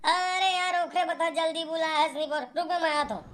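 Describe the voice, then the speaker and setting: A woman's voice: extremely high pitch, steady tone, fairly quick, very noisy. A woman voicing a teasing male village friend in a cartoon comedy, speaking with a Chhattisgarhi accent and bantering constantly. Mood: cheeky. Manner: bantering, calls out "arre yaar" often. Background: background music.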